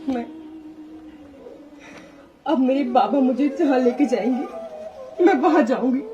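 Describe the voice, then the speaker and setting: A woman's voice: high-pitched, unhurried, highs cut off, background noise. A woman playing a young married daughter thrown out by her in-laws, tearful and pleading, in a devotional family melodrama. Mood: hurt, resigned. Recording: loud background music score.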